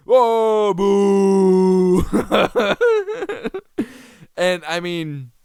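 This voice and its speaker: A man's voice: mid-range voice, smooth, no room sound, clean studio sound. A man hosting a podcast, giving sarcastic, rambling comedic commentary on a TV clip and laughing often. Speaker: podcast host.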